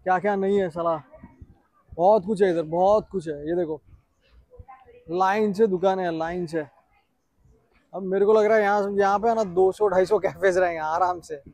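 एक युवा पुरुष ट्रैवल व्लॉगर, बाहर पर्यटन पार्क में कैमरे से बोलते हुए, उत्साह से बातें करता है और हिंदी में अंग्रेज़ी शब्द मिलाता है।. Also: male voice, high voice, moderate pace, pauses often, dry recording. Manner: chatty, excited, mixes English into Hindi. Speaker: travel vlogger. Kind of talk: casual travel vlog.

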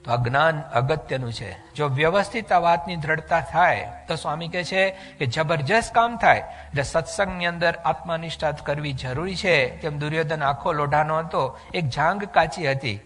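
A man giving a devotional sermon in an animated storytelling way, slipping English phrases into his talk. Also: on the high side, moderate pace, few pauses, big-room sound. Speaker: religious speaker giving a discourse.

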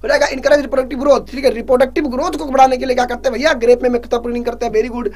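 A teacher urging students to answer fast. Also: male voice, very high voice, level tone, darkish tone. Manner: teasing, scolds students jokingly; reads English questions slowly, explains in Hindi. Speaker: exam prep teacher. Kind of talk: live online revision class.

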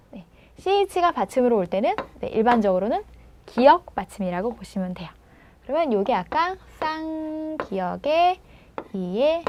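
Woman language teacher, high animated voice, patient and prompting, faint hiss behind. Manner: patient, prompting, models sounds slowly. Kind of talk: video lesson on pronunciation.

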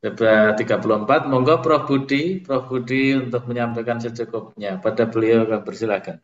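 A man moderating a panel talk, relaxed and joking. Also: medium pitch, brisk, far from the mic. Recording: roomy, dull lo-fi sound.

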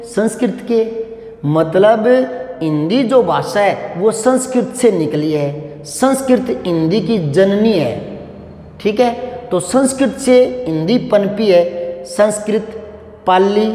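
A man with a cough teaching Hindi grammar in a patient, slow lesson, repeating points and asking rhetorical questions. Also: sits high, animated, dark tone. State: unwell with a cough. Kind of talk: explanatory classroom lesson. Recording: echoey room with long reverb.

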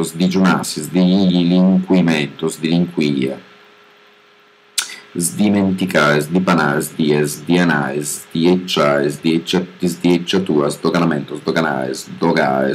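A man reading a dictionary word by word in a flat, even, deadpan way. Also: a bass voice, a little hiss or hum. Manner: flat, even reading of single words with pauses. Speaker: reader of a dictionary.

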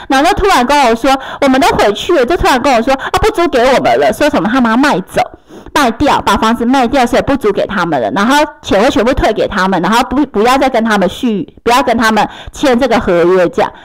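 Exasperated high-voiced Taiwanese woman. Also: low-quality recording. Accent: Taiwanese Mandarin. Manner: exasperated, indignant, acts out both sides of quarrels. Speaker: landlord. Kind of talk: casual storytelling rant.

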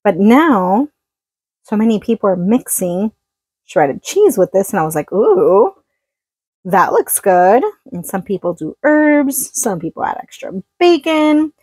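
A woman's voice: mid-range voice, very animated, measured pace, darkish tone, slightly rough, dry recording, rough recording. A woman chatting casually while cooking in a small trailer kitchen, laughing often as she works. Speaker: cooking vlogger. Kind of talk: casual cooking chat to camera. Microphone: phone-plugged mic near the counter.

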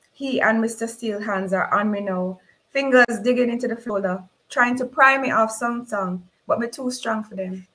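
Woman author, own novel read aloud, slow and measured, mid-pitched voice. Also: a bit bright, poor audio. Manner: slow, measured reading in dialect.

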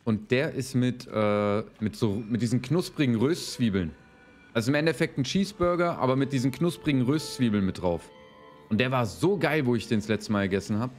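A man's voice: medium pitch, expressive, a little fast. A man giving casual gaming commentary as he plays, rambling in slangy, sweary language. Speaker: let's player. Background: game music.

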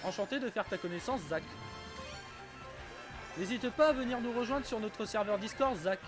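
A man's voice: high voice, normal speed, over music. A man streaming a kart racing game live, chatting casually with viewers, often stumbling and repeating himself and swearing now and then.

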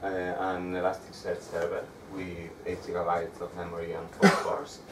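A young man with a Spanish accent giving a meetup tech talk with slides, speaking haltingly with frequent restarts. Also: sits low, monotone. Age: young adult. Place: dark room with projector screen. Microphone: far camera. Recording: echoey room, distant mic, audible background noise.

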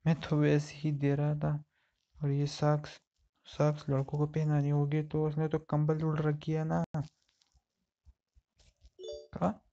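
A man's voice: on the high side, monotone, measured pace, mellow, muffled recording. A man giving casual gameplay commentary as a gamer, chatting to himself while he works through a puzzle game.

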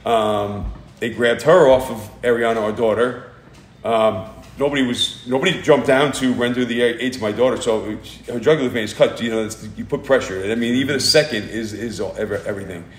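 A middle-aged man, a grieving father, recounting events in an interview, rushing and agitated, acting out what others said. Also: mid-range voice. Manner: fast, agitated storytelling, acting out quotes. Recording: roomy recording with faint background ambience.

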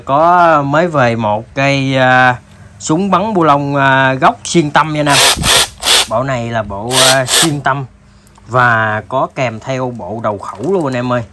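Southern Vietnamese man pitching tools, noisy recording. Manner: informal, halting pitch addressing viewers as buddies. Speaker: tool seller presenting products. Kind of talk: casual sales demo, unboxing tools.

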